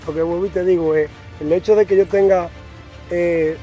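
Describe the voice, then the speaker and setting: A man's voice: high voice, fairly even intonation, moderate pace, mellow, faint music behind. A middle-aged man with a Dominican accent, answering interview questions earnestly outdoors at a ballfield on a lapel mic. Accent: Dominican Spanish. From Dominican Republic. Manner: earnest, repeats himself. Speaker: team general manager. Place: outdoors at a baseball field.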